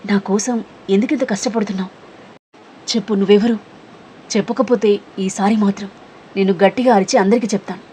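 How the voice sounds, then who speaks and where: A woman's voice: mid-range voice, fairly even intonation, brisk, pauses often, warm tone, slight background noise, natural voice. A woman voicing a defiant, suspicious young woman in a spoken romance story, firing off demanding questions.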